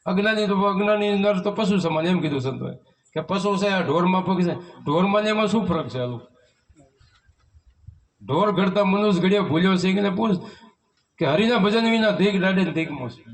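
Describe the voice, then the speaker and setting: Recorded from a distance in a devotee's home in a village, a male Kutchi spiritual teacher with a high voice leads a satsang. His devotional sermon is built on rhetorical questions and recited hymn verses.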